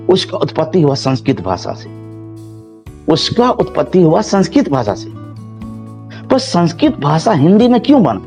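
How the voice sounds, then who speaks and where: A man's voice: a little high, warm tone, muffled recording. A man teaching a biology class, repeating himself and explaining everyday examples, speaking a touch. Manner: repetitive, explaining with everyday examples, addresses students as children. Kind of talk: classroom lecture.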